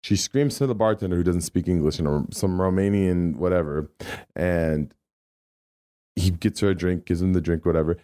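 A man co-hosting a podcast, telling a story in a rambling, animated way with lots of fillers. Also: low voice, moderate pace. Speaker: podcast co-host. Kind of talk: casual storytelling chat.

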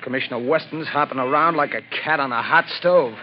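A man's voice: mid-range voice, fairly quick, close to an everyday voice. An American actor playing an uneasy, chatty city policeman on night duty in an old-time radio drama. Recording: muffled noisy vintage radio recording.

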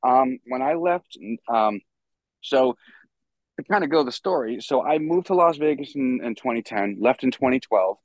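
A man's voice: mid-range voice, lively intonation, moderate pace, dry recording, low-quality recording. Guy from new york rambling through a story, fillers everywhere, swears a bit, dry sound. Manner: rambling, loose, swears freely, lots of fillers. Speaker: podcast guest, stagehand and musician. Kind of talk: casual storytelling chat.

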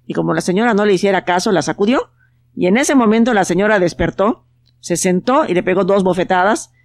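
A storyteller, reading a children's tale in a calm, unhurried way. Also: medium pitch, slight background noise. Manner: calm, unhurried telling with plain quoted voices. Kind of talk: storybook narration.

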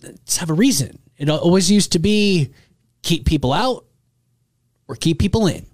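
A man's voice: a little high, expressive, normal speed, a little mellow, dry recording. A man gives opinionated, casual commentary as a wrestling show panelist. He argues his points with rhetorical questions, and the sound is dry, with very little room on it. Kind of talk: opinionated casual sports chat.

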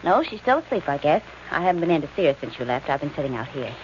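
A woman with a low, sing-song, slightly mellow voice speaks in rapid-fire bursts, playing the level-headed, caring companion of a detective in a 1940s radio style. She comes across as practical and a little hesitant, casual yet concerned. The old-time radio recording is noisy and muffled.

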